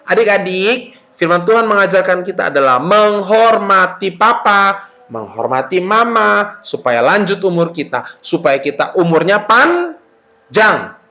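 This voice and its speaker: Animated man telling children a Bible story. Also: sits high, measured pace. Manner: animated, addressing children directly. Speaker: Sunday school teacher.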